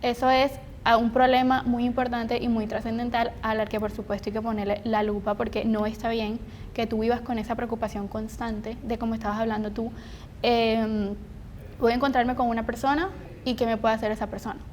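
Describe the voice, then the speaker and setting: A woman's voice: little pitch movement, a little fast, darkish tone. A woman co-hosting a podcast, discussing casually in a wordy, explanatory way. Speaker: podcast co-host. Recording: noisy, low rumble behind voice. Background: rumbling background noise.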